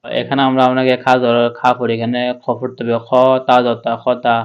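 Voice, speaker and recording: A man teaching Quran reading letter by letter, spelling each syllable and then chanting the verse slowly. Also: mid-range voice, monotone, gravelly, smooth, lo-fi sound.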